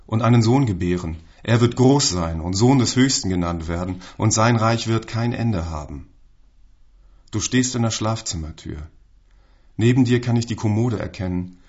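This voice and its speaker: Guy reading a story out loud, slow and solemn, kinda deep voice, muffled lo-fi sound. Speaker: reader. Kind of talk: literary reading. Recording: dull lo-fi recording.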